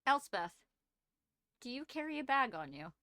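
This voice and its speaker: Woman, game master, tabletop narration, animated, conversational, very dry close sound. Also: high-pitched, moderate pace, no echo.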